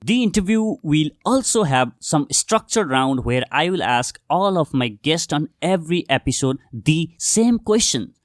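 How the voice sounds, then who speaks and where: Slightly high and expressive, this young Nepali podcaster speaks a little slowly with few pauses. Addressing listeners as "guys," he reads an earnest, scripted monologue straight to them. The recording is dry with clean studio sound.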